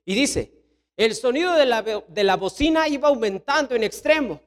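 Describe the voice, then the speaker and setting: A middle-aged man with a Mexican accent, preaching a sermon as pastor, telling lively stories and tossing rhetorical questions at the congregation. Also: moderate pace. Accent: Mexican Spanish. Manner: animated storytelling preacher, sweeping pitch swings, rhetorical questions.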